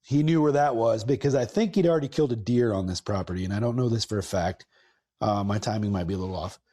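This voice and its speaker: A man, hosting a podcast and telling a long casual story, rambling and correcting himself as he goes, with lively bursts of emphasis. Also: fairly low pitch, fast talker. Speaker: podcast host.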